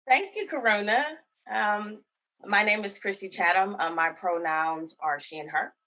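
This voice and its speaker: A woman introducing herself as a director on an online panel, speaking in a measured way with frequent pauses. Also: mid-range voice, bright, forceful tone. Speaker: veterans health director. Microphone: video call.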